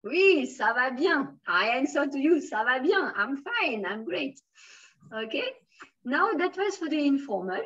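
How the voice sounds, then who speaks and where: A woman's voice: high-pitched, very animated, a little slow, a bit bright, highs cut off. A woman with a French accent teaching a beginners' French lesson, patiently modelling phrases and encouraging her students.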